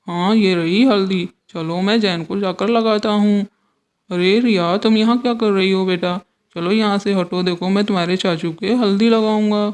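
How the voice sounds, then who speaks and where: Woman putting on a jolly uncle, middle-pitched, doll story role-play, playful and bossy. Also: darkish tone, clear, resonant tone, close to an everyday voice. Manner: jolly, bossy toward a child. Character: cheerful male relative, playful uncle.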